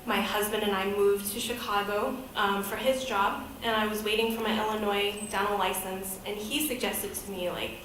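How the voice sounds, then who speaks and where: A woman's voice: mid-range voice, steady tone, normal speed, hardly any pauses, fairly bright tone, far from the mic, slight background noise. A woman in her thirties from the United States, giving a candid, conversational personal talk as a guest presenter at a podium. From United States, grew up in Boston. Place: event hall, speaking at a podium. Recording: very echoey hall.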